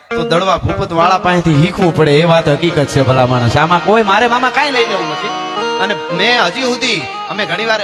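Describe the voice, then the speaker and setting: A man telling stories at a religious gathering, chatty and earnest, with asides. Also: high-pitched. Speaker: folk storyteller at a religious gathering. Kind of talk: live stage talk at a dayro. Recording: live hall echo with faint music.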